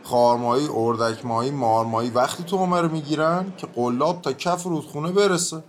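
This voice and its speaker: A man's voice: on the high side, close to an everyday voice. A man playing a stubborn grumbling peasant. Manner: rustic colloquial speech, grumbling and mumbling. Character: stubborn barefoot peasant man on trial, evasive. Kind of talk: radio drama acting.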